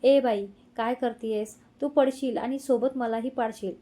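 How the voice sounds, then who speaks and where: Woman narrating young husband, passionate, playful teasing, mellow tone, audio story. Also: very high-pitched, steady tone, unhurried.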